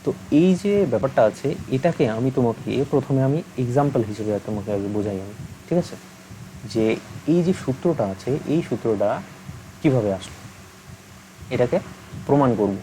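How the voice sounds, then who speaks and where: A young man teaching an online maths lesson, patient and steady, checking in with the listener again and again. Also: mid-range voice, moderate pace, pauses often, slight background noise, poor audio. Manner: patient, asks many check-in questions.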